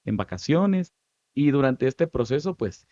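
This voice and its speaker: A Guatemalan man in his thirties recounts his path into acting with animated, story-driven energy, and his Guatemalan Spanish accent comes through clearly. His voice sits at a middle pitch. The recording is dry and slightly dull. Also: measured pace, dry recording. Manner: animated, lively storytelling with many asides. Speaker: guest, stage actor. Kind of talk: storytelling interview answers.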